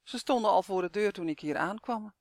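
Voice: mid-range voice, fairly quick, dry recording, close to an everyday voice. Storyteller doing a timid storybook boy, earnest, slightly raised, dry. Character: shy, anxious young boy.

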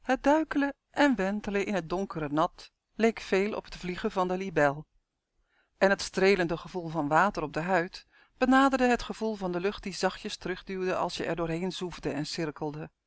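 An audiobook narrator reading a children's story aloud, with expressive storytelling and shifting pitch. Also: moderate pace, no echo.

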